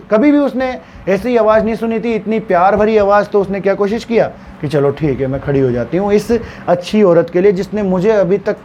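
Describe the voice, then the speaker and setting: A man's voice: high-pitched, dark tone, lo-fi sound, slight background noise. A male teacher retelling a story for students, acting out the characters' stammering and dialogue as he explains.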